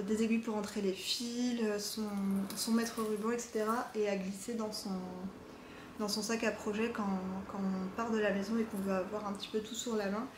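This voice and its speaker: A woman's voice: medium pitch, echoey room, a little hiss or hum. A woman vlogging casually about her knitting projects, chatty and full of fillers and restarts. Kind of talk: casual chat to camera. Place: home craft workshop. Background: jackhammer from far off.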